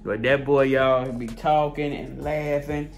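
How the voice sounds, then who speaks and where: A man's voice: mid-range voice, fairly even intonation, a little slow, creaky, loud music behind the voice. A man hosting a casual family vlog at home, teasing and cooing at a baby before speaking straight to viewers. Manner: playful baby talk to an infant, then a direct address to viewers. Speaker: vlog host.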